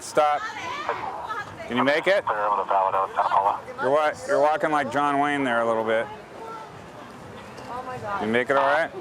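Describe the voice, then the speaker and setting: Male police officer, mid-range voice, calm short commands, heavy street noise outdoors. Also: medium pitch. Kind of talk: on-duty field talk.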